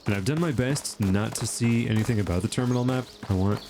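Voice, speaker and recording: With background noise behind him, a gaming channel host talks fast in a medium-pitched voice, casually chatting and musing aloud through many fillers during gameplay, his nose blocked by allergies.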